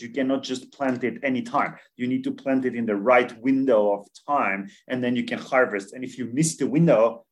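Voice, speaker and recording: A man from Belgium, answering interview questions earnestly as an expert guest, often restarting and repeating words. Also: medium pitch. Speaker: podcast guest, food policy expert.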